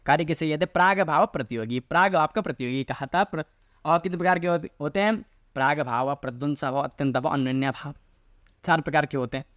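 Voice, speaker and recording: A man with a slightly higher than usual voice gives a patient lecture. He keeps asking questions and answering them himself, and he slows down to recite classical phrases word by word. The sound is dry and close, with no room echo. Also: fairly bright tone. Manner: recites Sanskrit phrases slowly and deliberately. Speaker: Sanskrit teacher. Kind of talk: explanatory Hindi lecture on a Sanskrit logic text.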